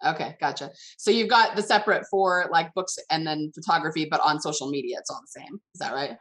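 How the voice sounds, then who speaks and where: With a deep, a bit bright voice that runs a little fast, a woman hosts a writing podcast as host and coach to listeners and guests. She starts from a scripted introduction, then shifts to a casual interview.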